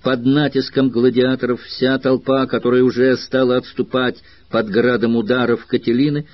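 A man's voice: mid-range voice, little pitch movement, moderate pace, dry recording, muffled recording. A man reading a dramatic audiobook steadily on a close mic. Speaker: audiobook narrator.

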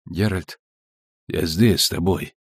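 A man voicing a weary, gruff monster hunter in an audiobook, quiet and curt. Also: low voice, steady tone, slow pace, dry recording, clean studio sound, exaggerated voice. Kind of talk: audiobook reading.

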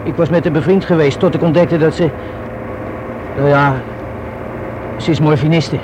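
In a radio drama, an actor plays a wary, rueful young man confiding in the police, hesitant, colloquial and blaming himself. His voice is a little high, steady in tone, moderately paced and natural. It's a noisy old radio play recording.

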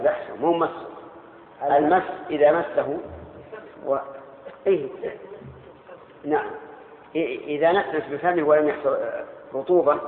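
An older male Islamic scholar teaching a class on jurisprudence, pausing and repeating phrases and putting questions to his students. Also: on the high side, a little hiss or hum. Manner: pauses and repeats phrases, asks the audience questions. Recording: echoey hall, tinny phone-like audio.

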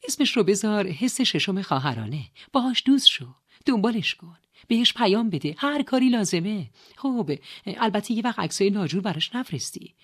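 A woman's voice: mid-range voice, big pitch swings, few pauses, husky, voice pushed up. A woman voicing a young adult woman, an urging and encouraging sister, in an audiobook. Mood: insistent. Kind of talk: audiobook dialogue reading.

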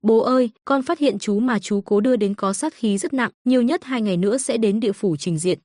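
A woman voicing a sweet three-year-old girl with second sight in an audio story, soft and coaxing. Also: on the high side, fairly quick, no echo, studio quality, lightly acted. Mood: whispering.

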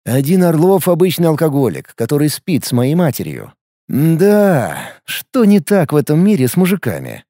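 Brief: male audiobook narrator, ironic, animated pitch, warm dark tone, dry close sound. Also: normal speed, dry recording. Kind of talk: first-person audiobook narration.

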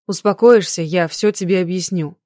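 A woman's voice: lowish voice, moderate pace, mellow, no echo, studio quality, natural voice. A woman voicing a tormented young man who urgently pleads with his beloved in an audiobook. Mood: pleading.

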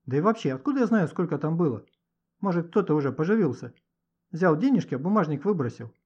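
Male narrator, scripted storybook reading, slightly high voice, muffled lo-fi recording. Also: quick pace, breathy edge. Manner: expressive, story-telling. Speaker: audiobook narrator. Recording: dull lo-fi recording.

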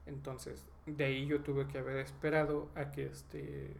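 Gravelly-voiced Mexican man chatting. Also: medium pitch, little pitch movement, measured pace, slight background noise. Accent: Mexican Spanish. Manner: rambling, many fillers and slang tags. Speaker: podcast co-host. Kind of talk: casual chat.

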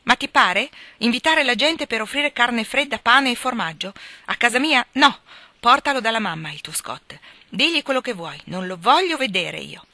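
A tearful, indignant young wife, as a woman reader puts her on in a storybook reading. She cries out in high, sharp, exclamatory bursts, sobbing and reproachful. The sound is dry and close. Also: dry recording.

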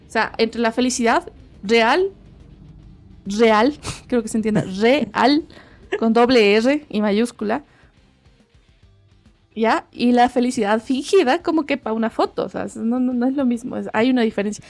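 Woman co-host, chatty and rambling, fairly high gravelly voice, video-call audio with faint music. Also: moderate pace. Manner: talkative, rambling, many restarts. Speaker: podcast co-host. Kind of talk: casual chat.

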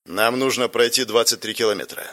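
A man's voice: medium pitch, fairly even intonation, brisk, pushed and bright, lightly acted. A man voicing an arrogant, stern male special-forces commander who barks orders. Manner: barking, commanding.

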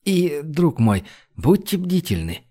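A man's voice: a little high, very animated, slow pace, warm tone, voice pushed up, full character voice. A kindly, devout merchant talks in an earnest, caring way, as a male narrator voices him. He warns and blesses in a fantasy audiobook reading.

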